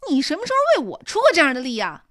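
A woman's voice: sits high, huge pitch swings, a bit bright, dry recording, studio quality, heavily acted. A woman doing an indignant, aggrieved daughter. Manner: indignant, complaining, quick. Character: aggrieved young woman, defensive daughter, bitter. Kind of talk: audiobook character reading.

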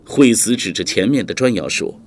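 A man narrating an audiobook in a vivid, expressive way, with music behind. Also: fairly low pitch, normal speed, a little hiss or hum. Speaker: storyteller.

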